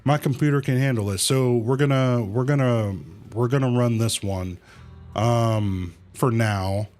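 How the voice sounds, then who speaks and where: This livestream host, a man with a darkish, medium-pitched voice, speaks casually to his viewers while music plays behind him. His speech is halting; he thinks out loud and says things more than once.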